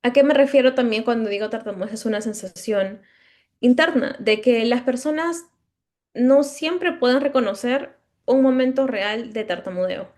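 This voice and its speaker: A woman with a slightly high, somewhat mellow voice speaks at a normal speed. She's a speech-language pathologist who stutters, giving a step-by-step conference lecture with occasional mid-word restarts and questions to check in with the audience.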